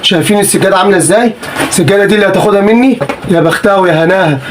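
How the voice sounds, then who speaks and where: Fast, high-pitched Egyptian man hawking wares. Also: noisy background. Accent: Egyptian Arabic. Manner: pushy, repetitive, exasperated haggling. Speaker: secondhand goods seller. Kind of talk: sales pitch vlog. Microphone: phone camera.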